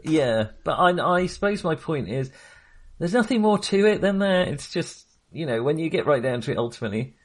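Fairly high-voiced and very animated, a British man talks a little fast while co-hosting a casual film discussion. He rambles hesitantly and keeps breaking off his own sentences.

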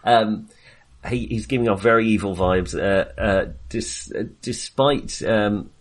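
A man with a lowish voice speaks slowly, chatting casually and enthusiastically about films as a podcast co-host. He rambles and hesitates as he goes.

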